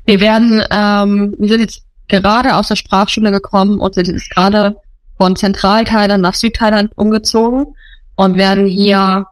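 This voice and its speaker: A woman in her thirties gives earnest interview answers as a missionary, pausing often with fillers. Her voice has an ordinary pitch, and the recording is dry and close. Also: flat delivery, no room sound.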